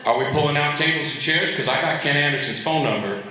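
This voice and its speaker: A man's voice: on the high side, quick pace, very noisy. Wry man debating in an echoey hall. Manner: wry, sarcastic, lively. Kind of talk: comic live debate speech. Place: convention hall stage.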